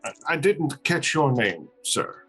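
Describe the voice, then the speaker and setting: A man's voice: medium pitch, sing-song, slow, fairly bright tone, slightly rough, soft background music. A man playing a tabletop game, speaking in casual banter.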